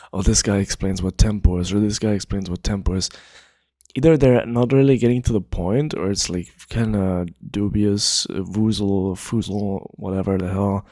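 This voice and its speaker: Laid-back low-voiced man explaining casually. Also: darkish tone, no room sound, clean studio sound. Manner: laid-back, rambling, many fillers. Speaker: gaming video creator.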